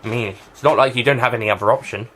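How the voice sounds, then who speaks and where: A man's voice: mid-range voice, steady tone, racing, fairly bright tone, slight background noise. A man giving a casual spoken review of a TV series, rambling and often restarting and correcting himself.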